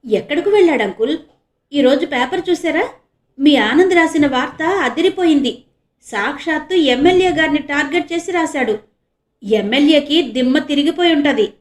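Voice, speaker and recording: A woman voicing a bold, sly rich young woman in a storybook reading, loud and teasing. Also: sits high, lively intonation, normal speed, voice pushed up. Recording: echoey room.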